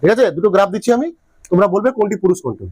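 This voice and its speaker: A man's voice: high-pitched, animated, very fast, darkish tone, dry recording. A man teaching a physics class, repeating his questions to the students and checking often that they follow. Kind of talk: classroom lecture.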